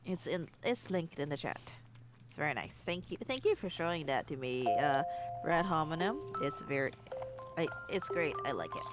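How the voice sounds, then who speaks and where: Woman streamer, lowish voice, swings a lot in pitch, relaxed chat, faint game music behind. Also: normal speed, rough recording. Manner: relaxed, chatty, greeting the viewers. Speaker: streamer host.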